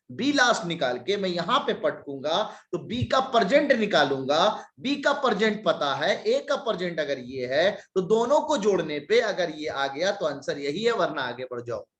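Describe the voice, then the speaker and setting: A man's voice: on the high side, a bit bright, roomy sound. A man teaching a maths class online, working sums aloud step by step with joking asides, slightly stuffy from a cold. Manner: talks through sums step by step, jokey asides.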